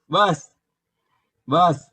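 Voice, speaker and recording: A man's voice: a little high, drawn-out words, sharp tone, husky. A man in a heated live online debate, insistently and repeatedly demanding to be heard. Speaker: debate opponent on a live stream.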